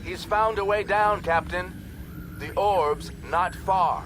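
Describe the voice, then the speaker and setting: In an audiobook, a man voices a harsh, commanding female alien scientist, his voice pushed up high, slow and clipped as she explains things. The mood is grim and businesslike, and there is background noise.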